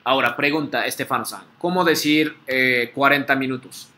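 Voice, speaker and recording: A man's voice: medium pitch, normal speed, bright, forceful tone, slight background noise. A man teaching a language class, patiently leading drills and checking that students follow. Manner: patient, repeats words for students to echo, frequent "¿sí?" checks. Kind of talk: online class drill, call and repeat.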